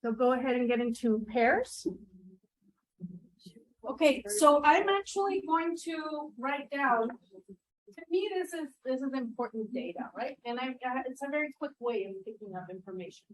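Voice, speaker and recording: A middle-aged woman runs a teaching workshop in a classroom, drawing the group in with questions and repeating back their answers. Her high-pitched voice is animated and moves at a moderate pace.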